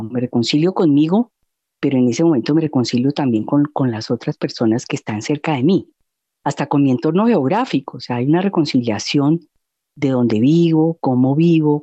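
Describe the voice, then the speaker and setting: A woman's voice: deep voice, expressive, normal speed, dark tone, no room sound, dull audio. A middle-aged woman, a guest in an interview, telling her personal story earnestly and reflectively, with many fillers.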